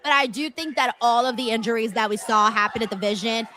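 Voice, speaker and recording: A woman's voice: on the high side, fast talker, pushed and bright, a little hiss or hum. A woman hosting a casual wrestling watch-along, chatting and answering viewer comments. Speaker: livestream watch-along host.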